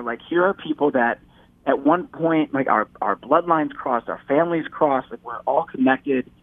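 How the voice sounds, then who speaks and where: Heard on a tinny phone line without echo, a slightly high male voice belongs to a Metro Detroit man who chats casually in an interview, restarting often and repeating words as he rambles.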